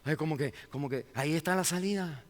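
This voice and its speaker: A man preaching a sermon as pastor, impassioned, building to near-shouted climaxes with frequent restarts. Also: on the high side, quick pace. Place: church sanctuary. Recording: long hall reverb.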